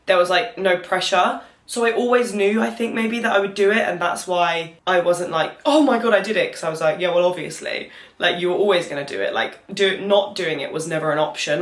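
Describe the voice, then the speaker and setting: With a lowish and somewhat bright voice, a young British woman vlogs to camera, casually recounting her experience. Her talk rambles candidly and is full of the filler "like," and the audio carries a roomy echo.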